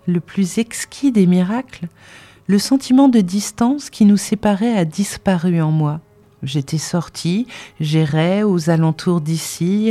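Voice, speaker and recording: A reader voicing a grieving woman in mourning, tender and anxious, pleading softly and rising into fervor, in an audiobook. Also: fairly low pitch, close to an everyday voice. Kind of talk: audiobook dialogue reading.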